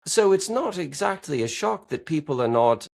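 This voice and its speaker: A man's voice: on the high side, moderate pace, gravelly. A man from Wisconsin with a Wisconsin accent, a guest in a casual podcast interview, joking and telling stories over a remote call. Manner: lively, joking storyteller.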